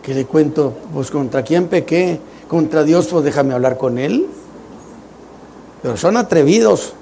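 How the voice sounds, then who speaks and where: A man's voice: on the high side, expressive, unhurried, gravelly, dark tone, a little hiss or hum. A middle-aged man, preaching a Sunday sermon in a conversational, joking way full of rhetorical questions. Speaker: pastor.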